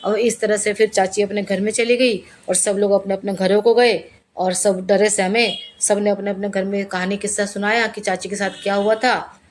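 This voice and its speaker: A woman's voice: medium pitch, moderate pace. A woman telling a spooky first-person story, acting out the voices of the people in it. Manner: lively retelling with voiced quotes.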